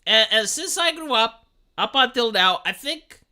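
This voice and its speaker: A thirty-something Romanian livestreamer speaks a little slowly in a mid-range voice with lively intonation, sounding pushed and bright. They ramble to chat in casual commentary, cursing and restarting often.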